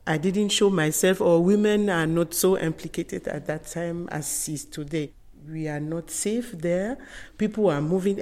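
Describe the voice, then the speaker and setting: Middle-aged woman, Togolese accent, unhurried and halting interviewee, lowish voice, long room reverb. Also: mellow. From Togo. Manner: halting, non-native English phrasing. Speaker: interviewed photographer. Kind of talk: personal recollection in an interview. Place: indoors in an exhibition gallery with long reverb.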